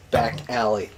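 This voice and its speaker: Male gamer, casual joking commentary, very animated swings in pitch. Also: slight background noise. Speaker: let's play commentator.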